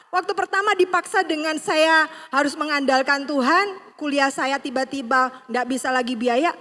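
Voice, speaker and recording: A woman with a high voice preaches to a congregation, turning to them again and again. She swings from loud, stressed lines to soft, hushed passages. Her voice rings out in a church hall with a long echo. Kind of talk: sermon with personal testimony.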